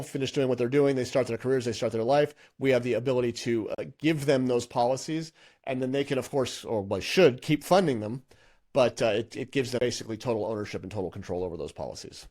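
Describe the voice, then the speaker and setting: A man's voice: mid-range voice, fairly quick, darkish tone. Middle-aged male instructor, mid-range voice, talks through slides casually, stops and restarts often. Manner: conversational, thinks aloud with frequent restarts and fillers. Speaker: licensing instructor. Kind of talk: presenting an exam-prep lesson with slides.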